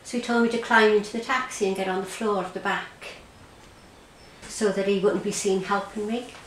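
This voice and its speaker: An Irish woman recounting her own experience in an interview, halting and repeating herself as she speaks. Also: mid-range voice, fairly even intonation. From Ireland. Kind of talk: personal testimony in an interview. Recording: roomy echo, faint background noise.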